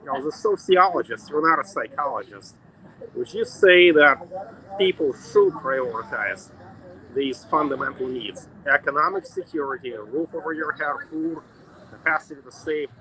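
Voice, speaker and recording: A man's voice: on the high side, expressive, moderate pace, sharp tone, low-quality recording. A middle-aged man from Russia hosting a casual chat outdoors, talking emphatically in repeated lists. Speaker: host.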